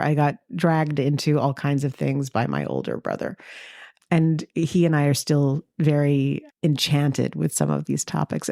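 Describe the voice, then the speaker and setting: A woman's voice: low voice, gravelly, warm tone, no room sound, clean studio sound. A woman co-hosting a podcast in casual conversation, chatty and given to telling anecdotes. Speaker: podcast co-host.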